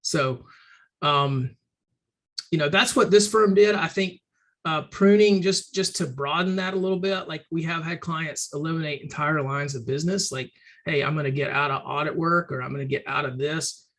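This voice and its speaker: Slightly hoarse and clearing his throat now and then, this webinar presenter for a firm advisory program has a somewhat bright voice on the high side at a moderate pace. His casual talk is loose and conversational, peppered with ums and restarts.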